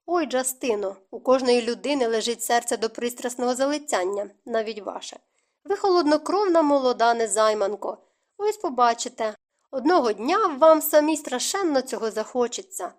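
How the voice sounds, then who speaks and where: A man's voice: extremely high pitch, animated, normal speed. A woman reading as a suave, teasing young man. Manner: smooth, teasing, theatrical. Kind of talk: audiobook narration.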